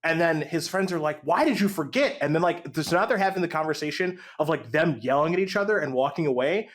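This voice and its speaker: A man casually telling a long gaming story on a podcast, lively and acting out the voices of the people in it. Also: fairly high pitch, quick pace. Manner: animated, acts out quotes with voice jumps.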